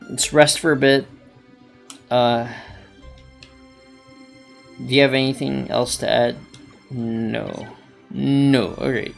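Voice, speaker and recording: A man's voice: mid-range voice, creaky, a bit bright. A man giving rambling let's play commentary, talking to himself with many hesitations as he plays a game. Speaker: gaming channel host.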